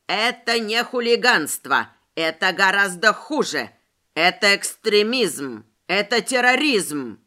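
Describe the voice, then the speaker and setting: Woman voicing a booming bossy neighbour aunt. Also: very animated, normal speed, pushed and bright. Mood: indignant ranting. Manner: booming, indignant ranting. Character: loud bossy middle-aged woman neighbour, shrill scold.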